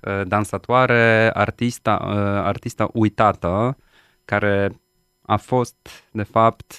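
A man answering as a guest in a live radio interview, halting as he searches for words. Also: fairly low pitch, fairly even intonation, fairly bright tone, clear, resonant tone, no echo, studio quality. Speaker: studio guest, festival project coordinator and interpreter. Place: radio studio. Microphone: studio microphone.

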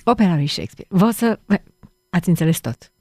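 A woman's voice: on the low side, very animated, a little mellow, no room sound. A woman hosting a live radio interview, speaking into a studio microphone. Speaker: radio host.

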